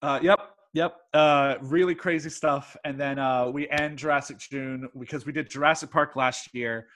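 A film-podcast host from Texas, a man in his twenties, chats eagerly as a guest on a podcast, rambling and filling his speech with "like" and "uh." His voice is fairly high and a bit bright, with a steady tone and normal speed.

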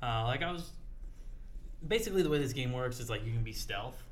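A man's voice: medium pitch, expressive, a little fast. A young man hosting a podcast who talks casually about games, swears, and acts out scenes as he tells them. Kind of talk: casual gaming chat.

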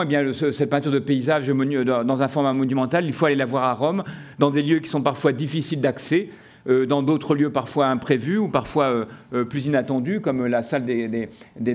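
Halting male academic moderator, mid-pitched. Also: a little mellow. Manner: halting, hesitant, often repeating words. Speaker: session moderator and exhibition curator. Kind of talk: improvised academic remarks.

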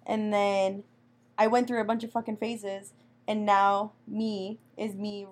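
Young American woman, animated and salty storyteller, faint background hiss. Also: medium pitch, slow pace. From United States. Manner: animated storyteller, swears, laughs often. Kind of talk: casual chat.

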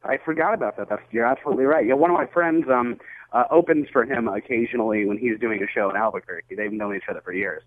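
A man's voice: medium pitch, fast, no room sound. A man, a morning radio co-host, calling in and chatting in a friendly way with a few stammered restarts. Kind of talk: casual chat over the phone. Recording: tinny phone line.

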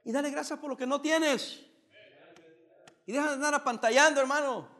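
A man's voice: extremely high pitch, steady tone, normal speed, pushed and bright. Man, pastor, from El Salvador, teasing playful sermon, long hall reverb. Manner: playful, teasing preaching with bursts of emphasis. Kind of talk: joking sermon.

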